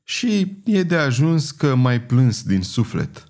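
A man voicing a troubled woman fortune-teller who has lost her memory, speaking in a slow, murmuring, dazed way in an audiobook reading. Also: medium pitch, sing-song, a little mellow, pitched above the performer's own voice, lightly acted. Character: wild-hearted madwoman, a wandering fortune-teller.

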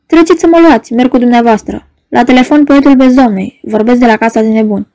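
The voice is a woman's, very high, performing an agitated young male poet in a storybook reading as he breaks into excited, shouted protest. The recording is dry.

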